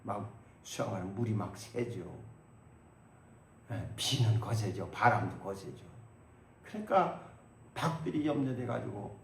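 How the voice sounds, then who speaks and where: A man in his sixties preaching a sermon as pastor, swinging between loud exhortation and quiet asides and acting out prayers. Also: fairly low pitch, lively intonation, measured pace, long pauses, echoey room, a little hiss or hum. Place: church sanctuary.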